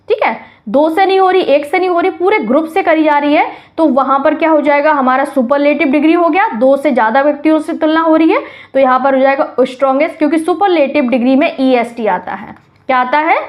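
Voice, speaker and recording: High-voiced woman teaching grammar. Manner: asks questions and answers them herself. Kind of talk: explaining grammar exercises.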